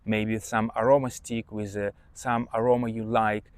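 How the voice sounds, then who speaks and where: With a lowish, clear and resonant voice, the podcast host, a native Russian speaker with an accent, offers study tips at normal speed, though his delivery is flat. Still chatty and emphatic, he teaches English and keeps asking "yeah?". The recording is dry.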